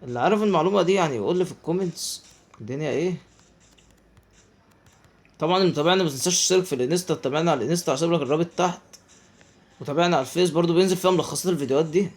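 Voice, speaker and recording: A man's voice: a little high, racing, long pauses. A man with an Egyptian Arabic accent giving chatty let's play commentary, talking to himself and his viewers as he plays. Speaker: gaming YouTuber.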